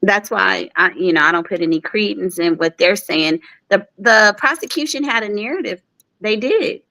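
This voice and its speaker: A woman's voice: mid-range voice, expressive, moderate pace, gravelly, pushed and bright, low-quality recording. A woman co-hosting a casual commentary chat, answering briefly and then giving her view bluntly. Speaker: co-host.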